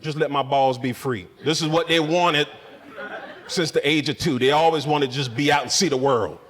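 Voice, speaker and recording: High-voiced ranting stand-up comedian. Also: male voice, moderate pace, in a large hall. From Spokane area resident since 2001. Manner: profane, ranting, mocks locals in shouted voices. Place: comedy club.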